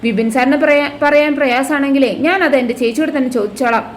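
A woman's voice: high-pitched, fast talker, slight background noise, close to an everyday voice. A woman voicing a jealous, bitter young wife who accuses and threatens her sister. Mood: accusing.

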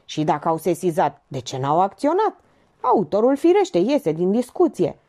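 Ironic confident older sleuth lady, voiced by a woman, lively, mellow tone. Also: on the low side, exaggerated voice.

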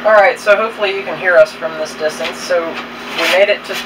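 A travel vlogger in his thirties, with a fairly high voice, fairly even intonation and a fairly quick pace, chats casually in an easygoing, rambling way full of fillers. He films inside a small camper and then outdoors on a hill trail, with background noise audible.

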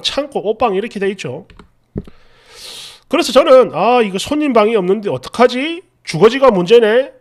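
High-pitched, lively man reading a story. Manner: animated, incredulous asides. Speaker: narrator reading viewer stories. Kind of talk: reading an online post aloud with commentary.

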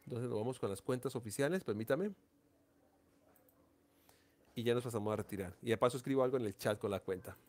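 A man's voice: medium pitch, fairly quick, pauses often, darkish tone. Chatty man coaxing live-stream viewers. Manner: affectionate, repetitive, coaxing viewers to like. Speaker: livestream host. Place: seated indoors.

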